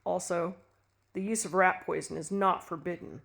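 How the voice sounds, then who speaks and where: A woman's voice: on the low side, steady tone, normal speed, vocal fry, a bit bright. A woman reading a story, voicing a ruthless middle-aged husband who talks harshly and chuckles at his wife's fears. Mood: cold.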